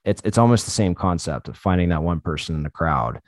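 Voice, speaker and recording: A man with a low, grounded voice talks in loose, profane casual chat, laughing often as he tells stories. The sound is close and dry, with no room around it. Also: expressive, a little fast, no room sound.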